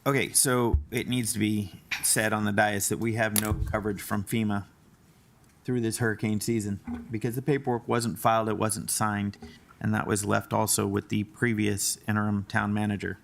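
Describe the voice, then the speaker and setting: Blunt gravelly man, flat delivery. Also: on the low side, moderate pace, a little hiss or hum. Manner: blunt, emphatic. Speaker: town commissioner, former mayor. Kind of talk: meeting debate. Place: town commission chamber.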